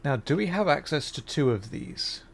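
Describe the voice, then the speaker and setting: A man with a fairly high, very animated voice streams a game at a moderate pace, his speech carrying vocal fry and a breathy edge. He offers casual commentary, muttering to himself and thinking aloud as he works through puzzles.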